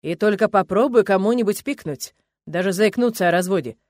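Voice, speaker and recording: A woman reading an audiobook, voicing a domineering noble husband with calm menace that turns to hissing rage. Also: mid-range voice, brisk, no room sound, clean studio sound, close to an everyday voice. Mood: cold threat. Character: cold, domineering noble husband, adult man.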